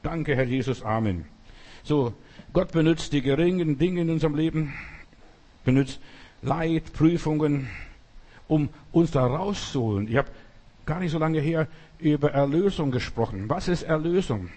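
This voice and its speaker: A man's voice: fairly high pitch, normal speed, warm tone. A man preaching an emphatic sermon and acting out the quoted voices.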